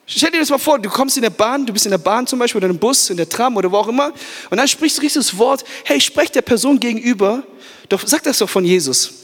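High-voiced preacher in an echoing hall. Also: male voice, lively intonation, fast talker. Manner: fervent preaching, asks the crowd "Amen?", mixes in English words. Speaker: youth pastor. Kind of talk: sermon. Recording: echoey church hall.

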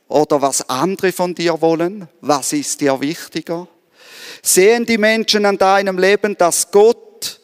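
A man's voice: fairly high pitch, clear, resonant tone, big-room sound. A man preaching a sermon at a church service, earnestly asking the listener direct questions.

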